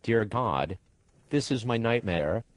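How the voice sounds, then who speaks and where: A man's voice: on the low side, expressive, slow pace, no echo. A computer-generated man's voice playing a prim talk show host who speaks formally and keeps apologizing. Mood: exasperated.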